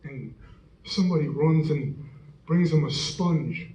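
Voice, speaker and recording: Earnest Roman centurion played by a man, eyewitness monologue, slow and halting, dull echoey stage sound. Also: on the high side, mellow. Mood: awed. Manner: halting, stammering retelling. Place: church hall. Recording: echoey hall, dull sound, faint music.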